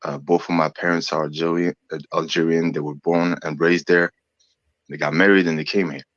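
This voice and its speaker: A very low-voiced man in his thirties, raised in France and not a native English speaker, talks in an unhurried, halting way, pausing for words and filling gaps with ums. He sounds a little sick. The sound is close and dry, slightly dull and lo-fi. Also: flat delivery, fairly bright tone, no echo. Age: 30s. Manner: searching for words, hesitant with fillers. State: sick, coughing. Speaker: podcast guest. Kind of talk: casual chat.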